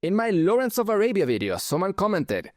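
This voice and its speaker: A German-born man raised in Chile hosts his channel, his accent a mix of German and Spanish. His high voice swoops wildly in pitch and moves briskly, in clean studio sound with no room tone. He reads comments aloud, commenting in a wry, chatty way with occasional chuckles.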